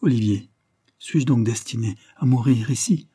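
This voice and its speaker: A man's voice: mid-range voice, moderate pace, warm tone, husky, no echo, lightly acted. A man reading aloud, voicing a frightened young woman prisoner in a trembling, pleading way. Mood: distressed.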